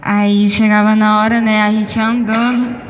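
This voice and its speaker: A woman's voice: mid-range voice, level tone, a little slow, slight background noise. A woman with a Brazilian accent gives a spoken testimony in church, telling her story animatedly and acting out the dialogue. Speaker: church member giving testimony. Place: church hall. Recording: echoey church hall with long reverb.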